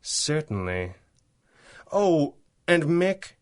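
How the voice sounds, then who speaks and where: An actor playing a stern, wry masked crime-fighter, articulate and self-assured, in a 1930s-style radio drama. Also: male voice, fairly high pitch, very animated, drawn-out words, full character voice. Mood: wry, menacing. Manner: articulate, mocking, righteous.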